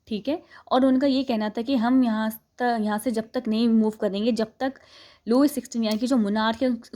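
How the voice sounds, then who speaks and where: A young woman with a fairly high-pitched, dark-toned voice teaches a history class, reading English lines slowly and then explaining them in a mix of Hindi and English. She checks in often and corrects herself, stopping to fix her pronunciation.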